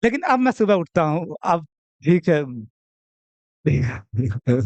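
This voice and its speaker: A man's voice: on the high side, big pitch swings, slow pace, a little mellow, no room sound. A young man teaching maths to a class, chatty and teasing, often checking in with "okay". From India. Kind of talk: classroom lecture.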